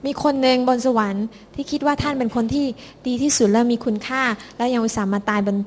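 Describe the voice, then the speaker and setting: Bright, quick woman interpreting a sermon. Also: fairly high pitch, slight background noise. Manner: lively, expressive, warm address to congregation. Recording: hall reverb.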